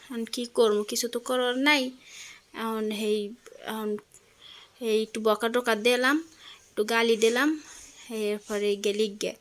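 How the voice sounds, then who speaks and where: A young mother with a Barishal accent chats through her day in a home vlog, her voice sitting a little high. She talks casually and keeps turning to the viewer to check they are following. The tone is loose and conversational. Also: level tone, a little slow, long pauses, smooth. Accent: Barishal dialect of Bengali. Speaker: vlogger.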